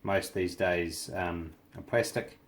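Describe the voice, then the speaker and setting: A man with a New Zealand accent talks through a hands-on hobby tutorial. His voice is very deep, with plenty of gravelly creak. The delivery is casual and halting, as he works out his phrases while demonstrating. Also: steady tone. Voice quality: gravelly, low voice.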